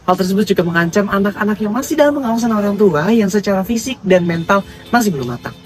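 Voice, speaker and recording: A woman reads scripted narration briskly and steadily. Clear music plays behind her voice. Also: mid-range voice. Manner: steady reading. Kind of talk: read narration.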